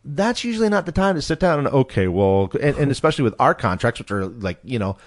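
A man's voice: medium pitch, very animated, fast. A man co-hosting a radio show, giving casual, emphatic real estate advice in a conversational way.

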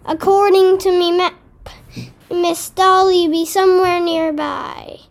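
A woman doing a high playful pirate bunny. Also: level tone, slow pace, heavily acted. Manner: gruff pirate talk, playful and loud. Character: young boy rabbit playing a bold pirate captain.

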